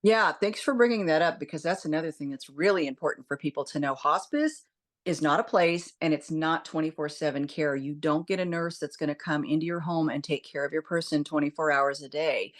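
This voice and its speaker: A woman with a slightly low voice talks as a guest expert in an interview. She is a hospice nurse who explains in plain, informative terms and addresses the listener directly. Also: fairly quick.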